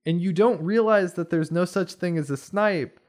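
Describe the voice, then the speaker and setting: A young man chatting casually on a podcast, telling stories in a rambling, animated way. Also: high-pitched, normal speed. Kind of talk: casual chat.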